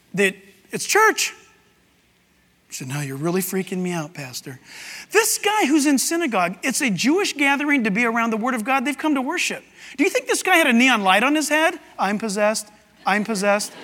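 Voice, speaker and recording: A man preaching a sermon as pastor to a church, animated and acting out voices as he goes. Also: very high-pitched. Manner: animated, acts out voices and quotes. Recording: hall with long reverb.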